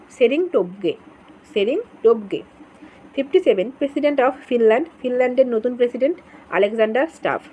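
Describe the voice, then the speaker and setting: Patient woman teacher, names repeated slowly. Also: on the high side, darkish tone, rough recording. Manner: explains patiently, repeats names, asks and answers own questions. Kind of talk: exam-prep current affairs lesson.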